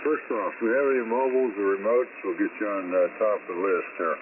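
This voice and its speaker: A plainspoken man runs a radio check-in net at an easy, unhurried pace. His low voice comes across thin and distant, as if transmitted over a ham radio band. Static hisses steadily underneath everything he says. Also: phone-quality sound. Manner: unhurried, plainspoken, pauses to collect his thoughts. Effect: heard over ham radio with static. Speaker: amateur radio net control.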